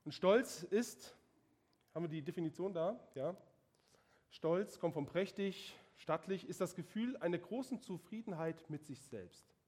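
A man's voice: high voice, animated, a little slow, a little mellow, breathy edge. A man preaching a sermon, emphatic and asking the congregation direct questions.

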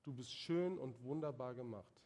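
A man's voice: medium pitch, normal speed, warm tone, lightly acted. A man voicing God as a loving, encouraging father figure in a sermon.

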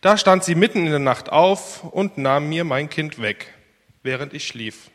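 A man reading the part of a distressed young mother pleading her case before a king, voicing her urgently and loudly. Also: on the high side, animated, measured pace. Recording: reverberant hall.

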